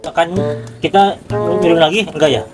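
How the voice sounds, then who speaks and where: A man's voice: on the high side, fairly even intonation, moderate pace, loud music behind the voice. A man chatting casually as host of a cooking vlog, playful, often repeating himself and stumbling over words.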